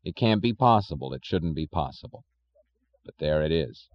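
A man voicing a weary male chief engineer who speaks quietly and slowly. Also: low voice, expressive, lo-fi sound. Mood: weary calm. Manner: quiet, slow, resigned.

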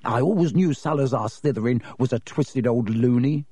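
A man's voice: medium pitch, moderate pace, mellow, husky, no room sound, natural voice. A man voicing a blunt, chatty teenage wizard boy who talks scornfully.

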